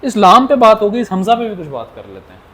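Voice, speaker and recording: A man's voice: high-pitched, big pitch swings, fast, fairly bright tone. A man teaching a language class as the lecturer. He repeats questions back to his students and drills the answers. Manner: addresses the class as children. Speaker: Arabic teacher.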